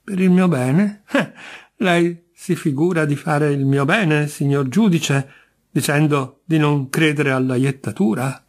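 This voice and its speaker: A man with a husky voice voicing Chiarcaro, a bitter middle-aged man branded a jinx, indignant and insistent in an audiobook reading. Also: on the high side, a little slow, pitched above the performer's own voice.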